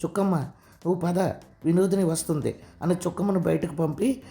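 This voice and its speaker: Male audio-serial narrator, slightly high voice with gravel, voices all characters. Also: fairly even intonation, fairly quick, dark tone. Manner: reads dialogue with small pitch lifts for each character.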